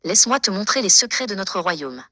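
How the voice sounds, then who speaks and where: A woman voicing a kindly, reassuring old male beetle in a children's story, gently, as if reading to a toddler. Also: mid-range voice, very animated, brisk, no room sound, studio quality.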